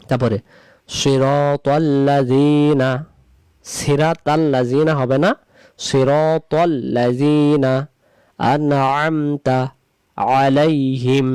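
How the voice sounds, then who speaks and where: Male recitation teacher, measured and drawn-out, smooth clear voice. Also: on the high side, darkish tone, dry recording. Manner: slow drawn-out recitation examples between quick explanations. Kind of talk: explaining pronunciation and meaning.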